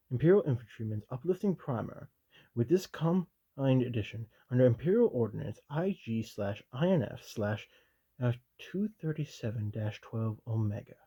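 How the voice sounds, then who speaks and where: A man voicing a stern, loyal commissar who reads a military handbook aloud in whispered role-play, measured and officious with dry asides. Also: mid-range voice, mellow, breathy edge, muffled recording.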